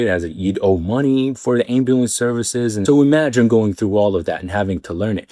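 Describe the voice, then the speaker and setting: A young man with an Arabic accent tells his own story in a relaxed, casual way. His voice is low, and he gets animated when he plays out dialogue. The recording is close and dry, with no room sound. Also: no room sound. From Arabic-speaking country. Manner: animated, acts out quoted people with rising pitch. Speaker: vlogger.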